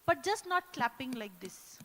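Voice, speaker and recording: A woman with an Indian English accent hosting a corporate live event, teasing the crowd and leading loud cheers and laughter. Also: sits high, sing-song, a little slow. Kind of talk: energetic live event hosting with audience exercises. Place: large indoor event hall. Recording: echoey hall sound.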